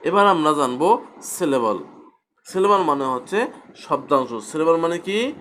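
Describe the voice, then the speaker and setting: A man's voice: a little high, expressive, fairly bright tone. A man teaching a grammar lesson, asking his own questions and answering them. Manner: repeats questions and answers them himself, slow and deliberate.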